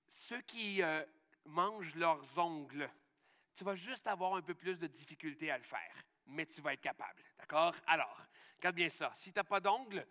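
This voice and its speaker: A Québécois-accented man performs and explains a magic trick for schoolchildren. His voice sits a little high and sounds bright and forceful. He coaches in an upbeat way, asking again and again whether everyone can see. The sound carries a long reverb from a large hall. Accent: Québécois French. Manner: upbeat, coaching step by step, checking often that the audience follows.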